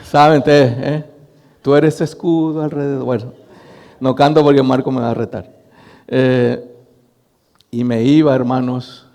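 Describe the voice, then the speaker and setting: A man's voice: mid-range voice, measured pace, long pauses. A middle-aged male pastor, preaching a sermon and telling a story to his congregation. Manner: storytelling, addressing the congregation as brothers, animated. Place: church hall. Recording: long reverb of a church hall.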